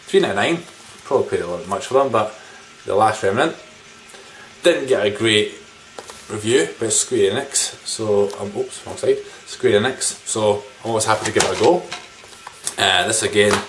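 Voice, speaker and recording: A low-voiced man casually presents his video game pickups to camera in a small living room indoors. His talk rambles and includes mild swearing, while background noise and room ambience fill the recording.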